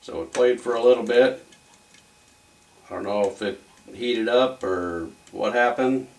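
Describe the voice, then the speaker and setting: Thinking aloud as he works, a hobbyist talks casually through an electronics repair in a rambling, folksy manner. He has a medium-pitched, darkish voice and speaks a little slowly, recorded from a distance with faint noise behind him.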